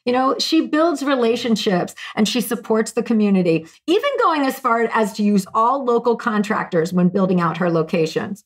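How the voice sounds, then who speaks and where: A woman hosting a business podcast delivers a scripted intro, then casually interviews her guest, upbeat and enthusiastic with lots of "you know." Her voice is a little high with lively intonation, at normal speed with hardly any pauses.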